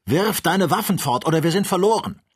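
A man voicing a calm, resolute older male explorer doctor who speaks in a commanding, earnest way. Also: high voice, brisk, breathy edge, voice pushed up. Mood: urgent.

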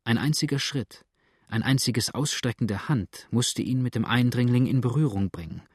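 A man reading a novel aloud in steady, scripted narration. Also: mid-range voice, normal speed, husky, no echo, clean studio sound. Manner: steady, even storytelling. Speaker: audiobook narrator.

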